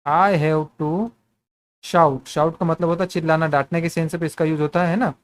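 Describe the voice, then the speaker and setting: A man's voice: fairly high pitch, level tone, normal speed. A man teaching spoken English in Hindi, asking the same questions again and again and calling his viewers friends.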